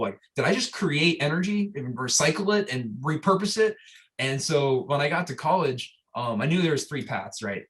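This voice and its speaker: A man's voice: medium pitch, fairly bright tone. Young guy from florida telling his founder story, eager and rambly, lots of likes and ums. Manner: rambling and enthusiastic, with many fillers and restarts. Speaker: startup founder. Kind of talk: casual storytelling interview.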